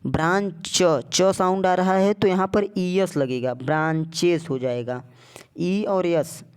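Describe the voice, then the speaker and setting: A man's voice: high voice, measured pace, darkish tone, clear, resonant tone. A man teaching a lesson as a tutor, repeating words and asking rhetorical either-or questions. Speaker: English tutor. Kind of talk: explanatory lesson.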